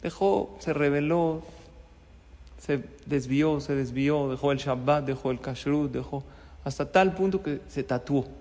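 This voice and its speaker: A man's voice: a little high, a little slow, a little mellow. A middle-aged man, a rabbi, gives a sermon in a synagogue, telling a story with lots of rhetorical questions. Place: synagogue study hall. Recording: long reverb in a hall.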